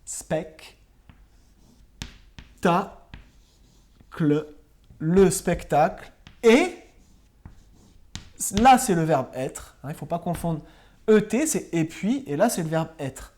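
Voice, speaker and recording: Woman, primary teacher, slow careful pace, warm low voice, lively pitch. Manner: slow, patient, spells out words letter by letter. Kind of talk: recorded remote spelling and grammar lesson.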